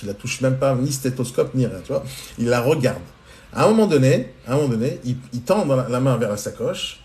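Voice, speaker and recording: A man in his forties telling a casual, animated anecdote, colloquial and speaking straight to the listener, into a phone mic on a live stream. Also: mid-range voice, a little hiss or hum. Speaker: entrepreneur answering questions on a live stream.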